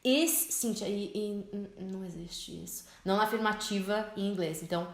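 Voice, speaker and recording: A young Brazilian woman with a Brazilian Portuguese accent, teaching English in a chatty, expressive vlog style and slowing down to spell words out. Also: mid-range voice. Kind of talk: casual vlog-style lesson. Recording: echoey room.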